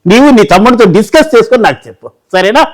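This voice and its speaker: A man playing a coaxing smooth lawyer. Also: high voice, very animated. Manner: coaxing, explains slowly. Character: smooth-talking persuasive male lawyer.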